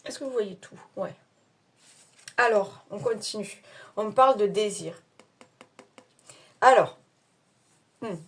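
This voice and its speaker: A tarot card reader with a non-standard French accent reads cards for her viewers in a chatty, hesitant way, full of fillers and laughing at herself. Her mid-range voice has a breathy edge, and she speaks slowly, pausing often.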